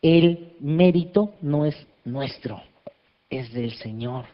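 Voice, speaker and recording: A man preaching as a pastor, lively and joking as he asks the congregation questions. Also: on the high side, slow pace. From Mexico. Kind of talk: sermon. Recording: dull lo-fi sound.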